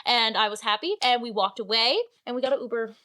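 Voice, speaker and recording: A young woman in her twenties tells a story as a guest, chatty and animated, breaking into laughs between her phrases. Her voice sits a little higher than most women's. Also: quick pace. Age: 20s. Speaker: podcast guest. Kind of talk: casual storytelling.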